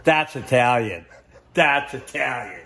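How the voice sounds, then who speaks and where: Holding his phone camera, a man in his fifties records a casual cooking vlog from his home kitchen and later his outdoor deck grill. He speaks slowly in an animated, fairly bright medium-pitched voice, gushing over fresh ingredients, sniffing and tasting as he goes and repeating catchphrases, with slight noise behind him.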